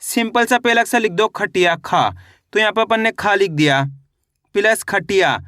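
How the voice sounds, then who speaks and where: A man gives an online Hindi reading lesson in a high, bright voice. He drills words syllable by syllable and then says the whole word lower and firmer. The sound is dry and close, with no room echo. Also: moderate pace.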